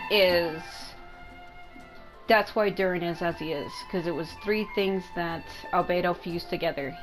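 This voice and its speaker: Poor audio captures a woman with a low-leaning voice casually commenting on gameplay. As a gaming content creator, she explains things in a rambling way and often restates herself, while game music plays behind her.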